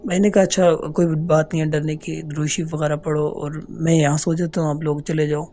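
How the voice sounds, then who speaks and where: A man telling a true ghost story as a casual voice note, earnest and hesitant, pausing often. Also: a little high, flat delivery, dark tone, a little hiss or hum. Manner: earnest, unhurried, hesitant with many pauses. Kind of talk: casual spoken recounting of a true horror experience. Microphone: phone voice note.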